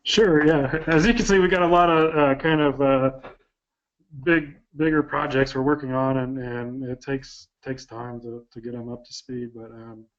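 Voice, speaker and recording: A man demoing software over a video call, talking in a halting, hesitant way with many fillers. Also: mid-range voice, fairly even intonation. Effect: heard over a video call. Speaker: software developer showing a product. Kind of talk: live screen-share demo. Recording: muffled video call audio.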